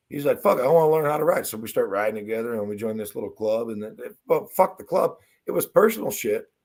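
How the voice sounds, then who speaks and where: Brief: male co-host, casual live-stream chat, swears freely, excitable storyteller. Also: medium pitch.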